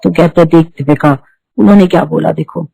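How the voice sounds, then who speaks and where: Middle-aged woman, earnest repetitive storytelling, dry close sound, mellow tone. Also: low-pitched, brisk, gravelly, breathy edge, no room sound, low-quality recording. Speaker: devotee giving testimony. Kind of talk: spiritual testimony talk.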